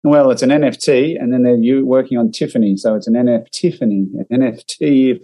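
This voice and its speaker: This Australian digital marketer co-hosts a relaxed podcast from a remote call, speaking in a brisk, mellow, mid-range voice. He reads clips aloud and picks them apart with dry, wry wit, and the recording is rough.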